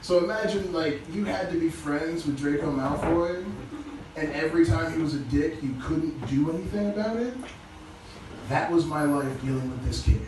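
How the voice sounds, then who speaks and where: On a small club stage, a male comic delivers a casual, crude stand-up routine at normal speed, laughing at his own bits. The audio comes from a distant, echoey, noisy low-quality stream.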